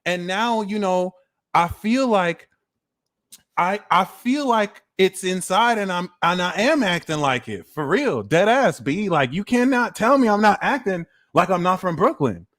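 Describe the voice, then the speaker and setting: Brief: bragging wannabe Brooklyn tough-guy bit, done by a man, pushed higher than his normal voice, dry room. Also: big pitch swings, measured pace, fairly bright tone, dry recording, heavily acted. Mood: boastful. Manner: exaggerated, self-mocking bravado.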